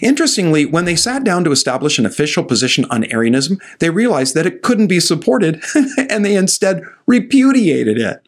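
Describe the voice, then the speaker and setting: Husky older man teaching church history. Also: on the high side, a little fast. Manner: lively storytelling, asides to the viewer. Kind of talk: scripted history lecture to camera. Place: indoor study with bookshelves. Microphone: studio mic in front of him.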